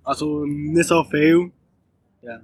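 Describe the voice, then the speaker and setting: A young man with a Swiss German accent answers casually in an interview. His voice is fairly high, picked up from a distance amid noticeable noise. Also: fairly even intonation, takes it slowly. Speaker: interview guest. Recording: distant mic with loud background noise.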